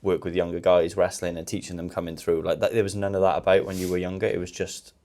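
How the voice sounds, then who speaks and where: A man with a low-pitched voice speaks quickly in relaxed podcast conversation. He hosts in a blokey, matey manner, chipping in with comments. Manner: blokey, sweary interjections. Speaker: podcast host. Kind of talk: casual chat.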